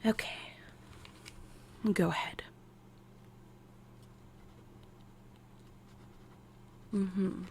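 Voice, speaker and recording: Her performance is heavily acted: an American woman voices an eccentric, eager military scientist who plays therapist in a chatty, intimate ASMR roleplay with occasional soft whispers. The tone is steady and the medium-pitched voice is gravelly and husky, delivered slowly. The mood feels soothing and attentive.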